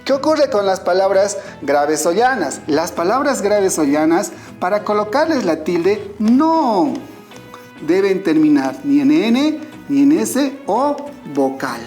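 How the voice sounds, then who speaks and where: A man from Bolivia with a Bolivian Spanish accent, a teacher giving a scripted online lesson, explaining clearly and speaking directly to his students. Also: high voice, sing-song, takes it slowly, darkish tone, faint music behind.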